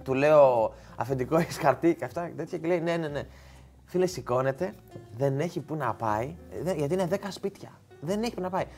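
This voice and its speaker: A man telling a long funny story in casual chat, animated and quick to laugh. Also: on the high side, soft background music.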